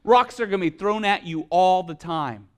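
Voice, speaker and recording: A male pastor preaching a sermon, animated and playful, acting out little scenes and asking the congregation questions. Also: sits high, normal speed.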